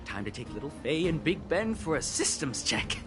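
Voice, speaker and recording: A woman's voice: sits low, very animated, moderate pace, music in the background. An actress playing a thankful young woman in a game, speaking effusively. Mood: grateful.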